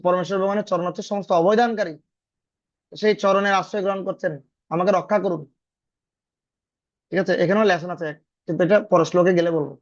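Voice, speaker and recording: A man teaching a scripture class over a video call, explaining step by step with frequent check-in questions and chanting verses slowly in a singsong tone. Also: high voice, steady tone, no echo, dull audio. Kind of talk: online scripture lesson.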